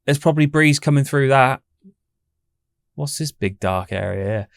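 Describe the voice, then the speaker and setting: A man's voice: mid-range voice, expressive, moderate pace, creaky, no room sound, clean studio sound. A man hosting a paranormal debunking channel, explaining things in a skeptical, casual way. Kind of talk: casual commentary and testing.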